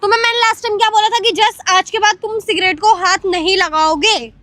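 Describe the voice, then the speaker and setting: A woman's voice: very high voice, steady tone, a little fast, bright, forceful tone, no echo. A young woman scolding and pleading with her partner in a casual vlog, her voice rising as she argues. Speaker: vlogger. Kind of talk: casual argument on a prank vlog.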